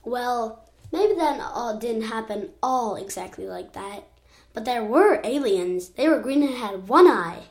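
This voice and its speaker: A woman's voice: on the high side, animated, unhurried. A woman voicing a chatty eight-year-old child who keeps correcting itself while telling an adventure. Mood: rambling. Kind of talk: storybook narration.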